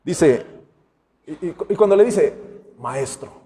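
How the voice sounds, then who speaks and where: In a church sanctuary, a pastor delivers a casual, conversational sermon, slipping into the voices of the figures he quotes. His high voice has lively intonation that swings widely in pitch, at a normal speed and with a darkish tone. The long reverb of a church hall carries the sound.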